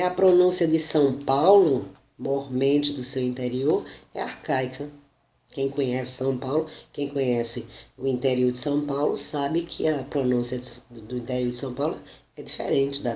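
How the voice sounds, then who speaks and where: Slow, deliberate Brazilian teacher, roomy echo. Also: mid-range voice, darkish tone. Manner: slow, deliberate, frequent "né?" and self-corrections. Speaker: Portuguese teacher. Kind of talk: spoken lesson, reading and explaining.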